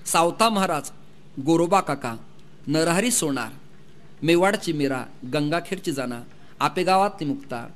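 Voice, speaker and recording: A man's voice: fairly high pitch, animated, unhurried. A man preaching a devotional kirtan sermon to a gathering, emphatic, firing rhetorical questions and long lists, speaking into a mic with faint devotional music behind. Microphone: mic through a sound system.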